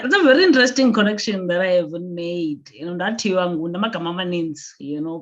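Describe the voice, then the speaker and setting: A South African woman with a Xhosa accent, a guest author chatting casually in a mix of two languages, haltingly and repeating words. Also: low voice. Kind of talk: casual conversation, mixing English and isiXhosa. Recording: dull, lo-fi sound.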